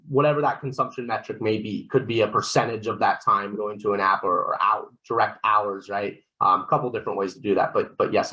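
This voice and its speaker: A man presenting a software product walkthrough on a webinar. He explains steps one by one, keeps checking in with "right?", and often restarts his sentences. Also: on the low side, muffled recording. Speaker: solution consultant presenting a software demo.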